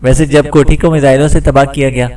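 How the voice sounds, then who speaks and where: Brief: narrator voicing a sharp male agent, cold and in control, set back from the mic. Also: medium pitch, level tone, fairly quick, far from the mic, natural voice. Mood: cool. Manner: cool, commanding.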